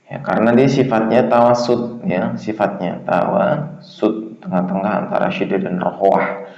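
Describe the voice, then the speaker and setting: A man teaching Quran recitation in a casual lesson, chanting verses long and slow, then explaining them in a relaxed, loose way. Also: on the low side. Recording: echoey, dull lo-fi sound.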